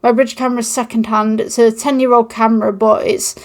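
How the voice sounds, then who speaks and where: A UK woman with a mixed, Manchester-tinged northern English accent hosts a channel, talking casually to camera in podcast style. Her voice is on the high side, flat, and a little fast; she's rambling and encouraging with many ums. She records on an old microphone with a phone.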